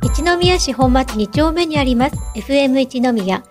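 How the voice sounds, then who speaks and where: A woman's voice: high voice, lively intonation, measured pace, over music. A woman hosting a local radio program, introducing guests in a polished announcer manner. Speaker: radio host.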